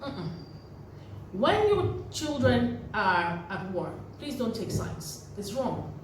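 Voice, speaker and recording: A woman's voice: a little high, big pitch swings, slow. A woman giving earnest, preachy parenting advice to camera, repeating key phrases for emphasis. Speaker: parenting vlogger. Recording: very echoey room, voice from a distance, faint noise.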